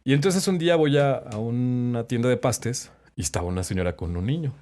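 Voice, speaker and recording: A middle-aged man with a Mexican accent, a voice-over announcer, telling animated stories and acting out the people in them as a podcast guest. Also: medium pitch, brisk. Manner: animated anecdote-teller, acts out quotes. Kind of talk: casual storytelling chat.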